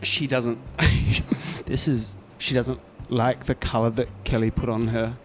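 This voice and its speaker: A man's voice: mid-range voice, level tone, slow pace, soft background music. A man presenting on TV as a hypnosis volunteer, talking hesitantly with giggles.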